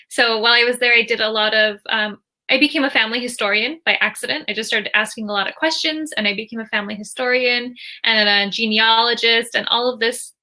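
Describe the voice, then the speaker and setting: Bright-voiced young American woman. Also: on the high side. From United States. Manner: reflective, with frequent fillers. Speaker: panel guest. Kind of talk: casual discussion.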